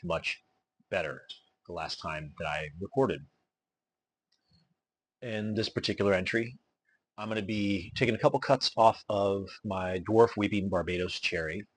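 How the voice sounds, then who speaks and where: A man narrating his bonsai vlog, talking slowly and deliberately with many fillers as he works on his trees. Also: deep voice, slight background noise. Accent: regional accent. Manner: deliberate, slow, filler-heavy explaining while pruning. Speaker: bonsai hobbyist vlogger. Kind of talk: casual hobby vlog narration.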